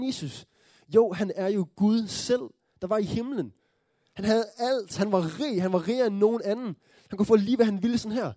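A man preaching a sermon, telling the story earnestly, checking in with his listeners through tag questions and building to joyful excitement. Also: high-pitched, no room sound, studio quality.

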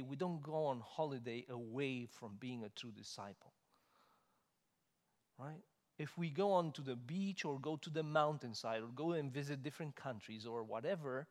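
A man delivering a sermon, moving from loud, emphatic stresses to soft, conversational asides. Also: mid-range voice. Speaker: preacher. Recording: long hall reverb.

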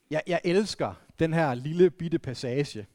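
A man's voice: fairly high pitch, warm tone, no echo. A man from northern Denmark preaching a sermon in a conversational way, often restarting and adding questions to the congregation. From Vendsyssel, Denmark. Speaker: pastor.

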